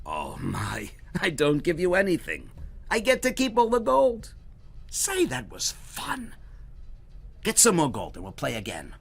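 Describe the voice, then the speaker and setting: Man playing a lively, sly storybook trickster. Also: on the high side, unhurried, vocal fry, husky, pitched above the performer's own voice, heavily acted. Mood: gleeful coaxing. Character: clever trickster man, breezy and slyly teasing.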